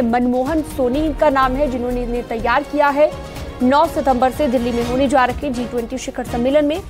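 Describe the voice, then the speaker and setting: A young woman anchoring a TV news bulletin in a studio, reading briskly and formally. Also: high-pitched. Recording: broadcast bed music underneath.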